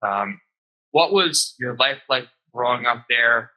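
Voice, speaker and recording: A man's voice: mid-range voice, animated, takes it slowly, pushed and bright, poor audio. A man hosting an interview podcast, friendly and upbeat, with frequent ums. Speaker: podcast host.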